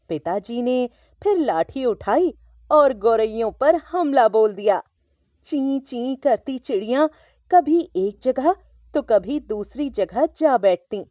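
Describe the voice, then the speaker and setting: A woman narrating a children's story for a school textbook, reading slowly and expressively. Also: a little high, mellow, dry recording.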